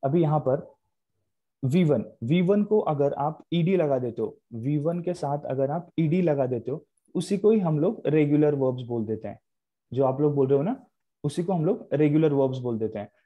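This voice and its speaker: Young man, online grammar teacher, Hindi mixed with English, repetitive explaining, fairly high voice, dull lo-fi sound. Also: animated, moderate pace. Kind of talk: live online lecture.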